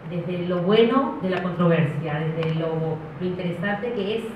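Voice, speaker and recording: A woman's voice: lowish voice, unhurried, a little hiss or hum. A woman from Paraguay speaking as an educator on a panel, hesitant and self-deprecating with frequent filler sounds. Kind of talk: panel talk. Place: community center hall. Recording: echoey hall, far mic, dull sound.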